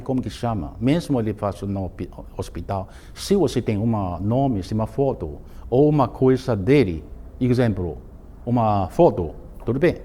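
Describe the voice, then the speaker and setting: Male Taoist teacher, casual lesson delivery, halting non-native phrasing, lively storyteller. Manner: simplified non-native grammar with frequent restarts; storytelling with bursts of raised pitch. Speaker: Taoist master teaching a course. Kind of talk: informal spoken lesson.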